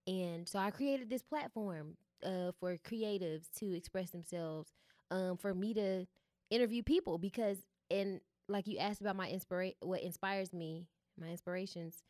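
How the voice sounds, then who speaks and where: Speaking at an ordinary pace in a lowish voice, a young female artist and founder chats as a studio interview guest. Her manner is easygoing and frank, heavy with fillers, and the recording is dry.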